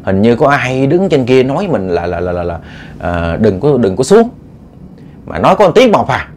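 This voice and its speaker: A scared hunter in a told ghost tale murmurs low and stammers, his plain. A male storyteller acts him out softly, and faint background noise hangs behind the voice. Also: very animated, moderate pace, close to an everyday voice. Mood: hushed uneasy. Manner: hushed, hesitant, stammering. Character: frightened middle-aged male jungle hunter, whispering.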